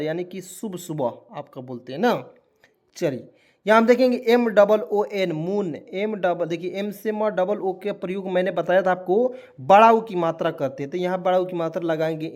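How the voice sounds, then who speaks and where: High-voiced man teaching spelling. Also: darkish tone. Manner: repeats questions to viewers, spells words letter by letter. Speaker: English teacher. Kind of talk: spoken lesson.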